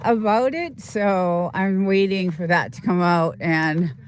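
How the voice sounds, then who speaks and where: This livestream host, whose voice sits on the low side, chats casually outdoors in the desert. A slight cold leaves her sniffly, and her greetings to viewers wander haltingly, full of fillers.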